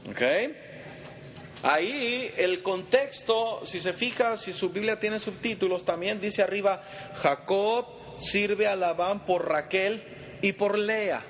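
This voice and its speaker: Male Bible study teacher, high voice, chatty, quizzes his listeners; long reverb and faint background noise. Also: slow pace, a bit bright. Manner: quizzes the group and calls them brother.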